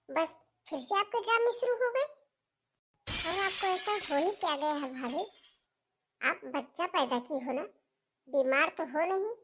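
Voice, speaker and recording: A woman playing a contemptuous young sister-in-law who sneers at her brother's wife in a family melodrama. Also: high voice. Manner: sneering, dismissive.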